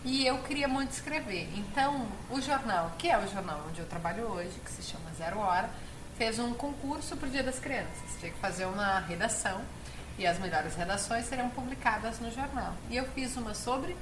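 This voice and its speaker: With a southern Brazilian accent, a woman tells personal stories as an interview guest, earnest and prone to emphatic repetition. Her fairly high-pitched voice is animated at a normal pace. The room is echoey, with clear background noise.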